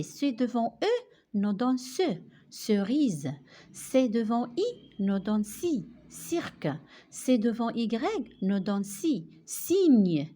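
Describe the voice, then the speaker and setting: A woman, a primary teacher giving a remote lesson, explaining slowly and patiently step by step. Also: mid-range voice, mellow. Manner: slow, patient, explains step by step, mixes in Arabic.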